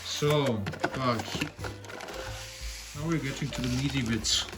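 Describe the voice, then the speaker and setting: Casual male co-host, mid pitch, easygoing explainer over music. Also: takes it slowly. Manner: chatty, explanatory, with many fillers. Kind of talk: casual unboxing chat.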